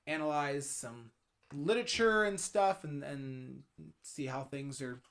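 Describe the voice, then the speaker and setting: A man's voice: medium pitch, a little slow, a bit bright. Laughing, rambling male podcast co-host. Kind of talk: casual chat.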